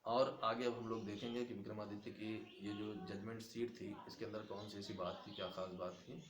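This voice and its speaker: A man teaching an English class, reading each English line slowly and then explaining it at length. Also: fairly low pitch, level tone, a crowd in the background. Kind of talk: classroom lesson explaining a text. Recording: echoey room, faint background noise.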